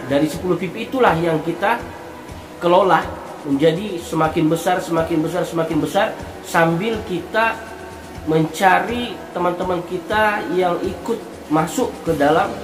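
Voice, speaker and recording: A man explaining something to viewers in a monologue, speaking deliberately in halting phrases and repeating words for emphasis. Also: high voice. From Indonesia. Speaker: online content creator. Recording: roomy echo with music behind. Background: music.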